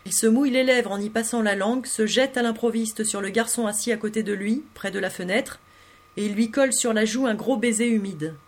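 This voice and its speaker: Woman, audiobook narrator, fairly high-pitched, expressive, first-person literary reading. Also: fairly quick. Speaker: audiobook reader.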